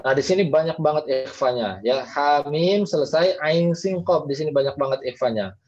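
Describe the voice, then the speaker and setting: A man's voice: on the high side, normal speed, a little mellow. Man teaching Quran reading over video call. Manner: patient explaining, models recitation aloud. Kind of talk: online class teaching. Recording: dull lo-fi video call audio.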